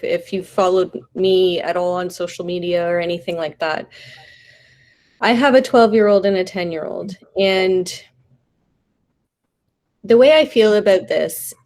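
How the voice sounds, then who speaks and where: A woman's voice: on the low side, a little mellow. A woman from Canada, a political candidate, answering a question bluntly and defiantly at a public forum. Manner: blunt, defiant, plain-spoken.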